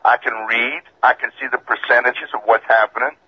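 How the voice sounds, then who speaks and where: A man from Georgia calling in to a radio show, insistent and calmly argumentative, his voice tinny and metallic over a bad phone line. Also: mid-range voice, fairly quick, slightly rough. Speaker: caller. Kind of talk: call-in radio caller.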